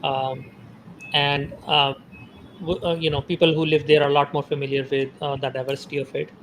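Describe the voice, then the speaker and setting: A man from Pakistan, a podcast guest, talking casually in a halting way full of fillers and restarts. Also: fairly high pitch, level tone, a bit bright, a little hiss or hum, low-quality recording.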